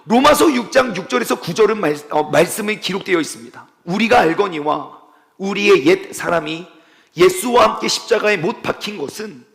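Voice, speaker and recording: A male pastor preaching a sermon at a church service. He tells the story in an animated way and adds playful sound effects. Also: high-pitched, normal speed, creaky, in a large hall.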